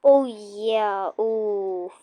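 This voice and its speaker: A woman's voice: mid-range voice, very slow, mellow, dry recording. A young girl hosting a casual gameplay video, chatting with a friend and talking to viewers as "guys", giggly and chatty. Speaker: gaming channel host.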